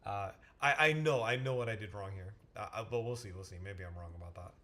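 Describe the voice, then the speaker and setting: A male math tutor talks casually to a livestream at a quick pace, his fairly low voice pushed and bright. He thinks aloud, mutters to himself while waiting on the screen, and keeps restarting and correcting himself.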